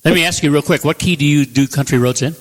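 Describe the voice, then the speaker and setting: A man with a slightly high voice and quick pace hosts a radio interview show, asking questions in a friendly, encouraging way during a casual interview chat.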